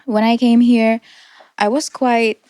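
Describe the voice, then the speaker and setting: A young woman in her twenties, originally from Iran and a native Persian speaker, earnestly tells her personal story as an interview guest. Her voice is on the high side and darkish in tone, with a flat, slow delivery. She's reflective, with small restarts and light laughs, in a dry, clean studio recording.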